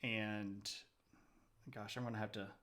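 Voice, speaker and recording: A man's voice: fairly low pitch, flat delivery, unhurried, bright, forceful tone. A man hosting a live stream, chatting casually with viewers, answering their messages aloud and laughing often. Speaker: livestream host.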